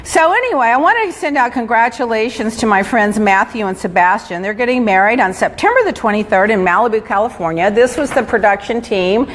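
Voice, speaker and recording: Middle-aged woman host, high voice that swings all over, chatty gossip, faint hiss behind. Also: a little fast, hardly any pauses. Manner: animated storytelling, acts out exasperated quotes. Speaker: talk show host. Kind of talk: casual gossip chat.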